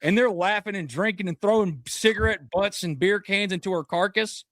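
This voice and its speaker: A man in his thirties tells stories as a podcast guest, his fairly high voice jumping loud and high at the punchlines. The sound is dry and close, with no room around it. He laughs often and talks in a loose, casual way. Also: moderate pace, dry recording. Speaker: podcast guest, sports commentator. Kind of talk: casual storytelling chat.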